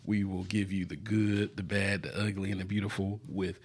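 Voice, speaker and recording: A man's voice: deep voice, little pitch movement, normal speed, slightly rough. A man in his forties hosting a casual podcast chat with his wife, easygoing and laughing often. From Florida, US. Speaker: podcast host.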